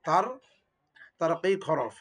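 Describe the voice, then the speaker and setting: Lower-voiced woman drilling Quran reading. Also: breathy edge. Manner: patient call-and-response drilling, stretches words slowly. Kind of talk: spelling-out recitation lesson.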